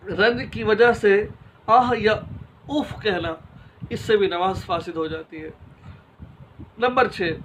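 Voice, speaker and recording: A man with a notably high voice delivers a religious lesson as its teacher. He lays out each rule in order, stops to ask rhetorical questions, and illustrates with homely examples. A faint background hiss sits beneath his voice. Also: a bit bright, poor audio. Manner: addresses listeners directly and informally.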